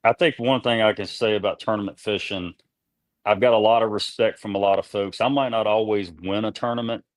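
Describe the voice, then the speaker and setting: A man's voice: fairly low pitch, steady tone, fairly quick, dry recording. A man telling rambling fishing stories in a folksy way, repeating words as he goes, in a casual interview. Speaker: guest, tournament kayak angler.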